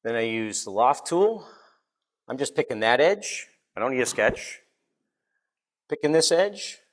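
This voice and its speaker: A man with a Boston accent giving a relaxed, joking, step-by-step software demo at a conference session. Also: medium pitch, unhurried. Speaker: presenter. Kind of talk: live technical demo.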